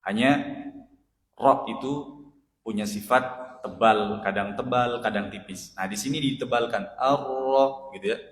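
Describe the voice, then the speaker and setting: A male ustadz teaching Quran recitation in a mosque study session, patiently correcting pronunciation and chanting Arabic phrases slowly. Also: on the low side, a bit bright. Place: mosque hall. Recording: echoey mosque hall, roomy reverb.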